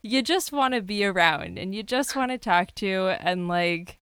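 A woman's voice: medium pitch, expressive, measured pace, a bit bright, smooth, dry recording. A woman hosting a podcast, chatting casually with many fillers and restarts. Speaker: podcast host.

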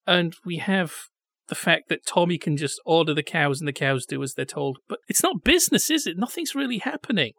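A man co-hosting a film review podcast, chatting in a sardonic way and tossing in silly quick voices. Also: on the high side, animated, gravelly, a bit bright, no echo. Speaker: podcast co-host. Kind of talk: casual film review chat.

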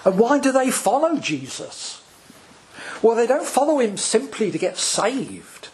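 A male priest preaching a sermon, slow and deliberate, with dramatic pauses between phrases. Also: very high-pitched, very animated, a little mellow, slight background noise.

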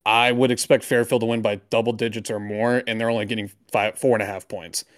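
A man's voice: fairly low pitch, flat delivery, fast, no echo, clean studio sound. A man co-hosting a sports betting podcast, talking through picks in a loose, profane way and dropping his voice on asides. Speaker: podcast co-host. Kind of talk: casual sports betting talk.

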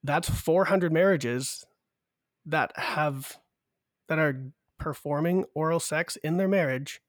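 Taking it slowly, a man with a slightly high voice co-hosts a casual podcast chat while sick with a cold, upbeat as he works through survey results. The recording has no echo.

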